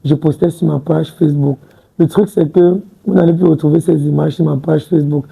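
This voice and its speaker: A young man in his twenties, talking in a relaxed, halting way as a studio interview guest. His voice is gravelly and a little raspy, pitched slightly high yet very dark and mellow in tone. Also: rough recording. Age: 20s. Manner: hesitant, repeats words and restarts, says "tu vois un peu". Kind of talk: casual interview talk. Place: TV studio set.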